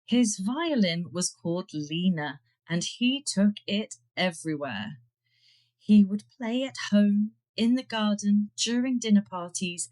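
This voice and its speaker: Lady reading out a history podcast script, kinda low voice, dry little jokes here and there. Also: darkish tone. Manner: wry asides. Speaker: podcast narrator. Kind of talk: scripted narration.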